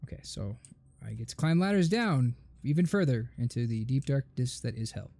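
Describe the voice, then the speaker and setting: A man's voice: mid-range voice, lively intonation, moderate pace, vocal fry, warm tone. A young man giving joking, sarcastic running commentary while playing a video game. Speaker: gaming host. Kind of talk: let's play commentary. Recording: faint game music behind.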